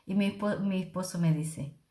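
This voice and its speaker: A woman's voice: lowish voice, normal speed, warm tone, echoey room. A middle-aged woman, a missionary preacher, sharing a heartfelt personal testimony with her congregation. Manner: earnest, heartfelt, addresses listeners as brothers and sisters.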